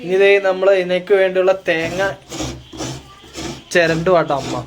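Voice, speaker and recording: A woman's voice: on the low side, steady tone, moderate pace, noisy background. Chatty woman vlogger talking to viewers. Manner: chatty, addresses viewers directly, many fillers. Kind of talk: casual family vlog. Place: outdoors near a temple and jackfruit tree, later a home kitchen.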